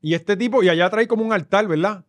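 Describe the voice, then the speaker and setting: Joking Puerto Rican man, high voice. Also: fast talker. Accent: Puerto Rican Spanish. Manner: joking, rambling with fillers. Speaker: podcast host. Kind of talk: casual podcast banter.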